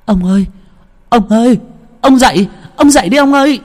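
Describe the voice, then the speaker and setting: A man voicing a rich landowner's wife in a ghost story, pleading and lamenting in a shrill voice. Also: big pitch swings, moderate pace, dark tone. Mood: frantic. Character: wailing middle-aged rich landowner's wife.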